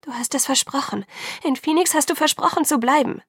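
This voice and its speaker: A woman's voice: fairly high pitch, normal speed, vocal fry, husky, no echo, clean studio sound. A woman reading an audiobook, voicing a desperate young woman who pleads in a raised, rising voice. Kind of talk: audiobook character voice.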